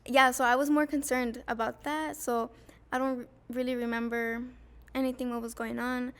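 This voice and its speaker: Young woman, flat high voice. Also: normal speed, clear, resonant tone. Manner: soft-spoken, many fillers, storytelling. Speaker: podcast guest. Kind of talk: casual chat.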